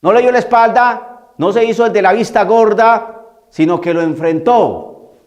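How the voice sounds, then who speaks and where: A priest giving an emphatic homily, repeating key phrases and asking rhetorical questions. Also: male voice, high-pitched, normal speed, muffled recording.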